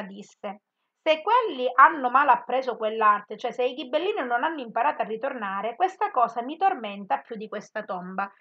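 A woman's voice: on the high side, fairly bright tone, highs cut off. A woman teacher giving a classroom lecture, reading verse aloud and then paraphrasing it plainly, with small self-corrections. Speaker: school teacher.

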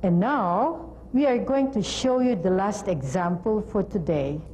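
Measured middle-aged woman with mellow voice. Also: medium pitch, lively intonation, slight background noise. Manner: measured, deliberate, instructional. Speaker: presenter of an educational program on language testing. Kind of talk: scripted lesson presentation. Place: TV studio.

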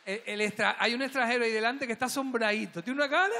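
Crowd noise and hall echo surround this gala host as he bantres live, teasing the audience in a camp style. He talks at a quick pace in an extremely high, pushed, bright voice.

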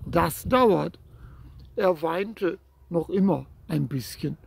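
A man reading a children's story aloud in a gentle way, speaking straight to the child listening, with a husky voice. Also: fairly high pitch, animated, slow pace.

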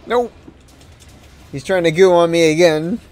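A man's voice: a little high, measured pace, darkish tone. A man casually chatting and joking while playing a game on stream. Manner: laid-back, joking. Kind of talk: casual gameplay chat.

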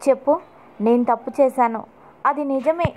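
A woman's voice: high voice, moderate pace, lightly acted. A woman reading a furious young man. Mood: pleading. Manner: shouting, heated. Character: angry young man threatening revenge.

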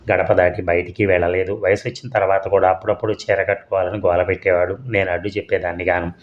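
A man's voice: low-pitched, natural voice. A man reading as a remorseful old mother-in-law. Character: elderly woman, mother-in-law, remorseful and pleading. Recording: dull lo-fi audio.

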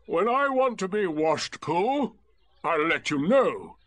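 A man voicing a gloomy, sarcastic old male donkey who speaks in dry, drawn-out remarks. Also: sits high, very animated, fairly bright tone, no room sound, voice pushed up, full character voice. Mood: sardonic.

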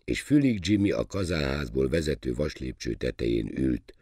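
Older male storyteller for an audiobook: very deep voice, husky, dry close sound. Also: dry recording. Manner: lively, theatrical. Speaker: audiobook narrator. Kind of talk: audiobook reading.

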